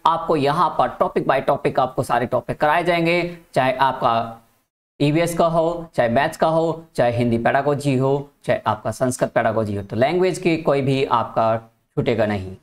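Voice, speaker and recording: Animated male teacher coaching exam students. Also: medium pitch. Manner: animated, asks students questions and coaxes them. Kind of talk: exam-prep video lecture.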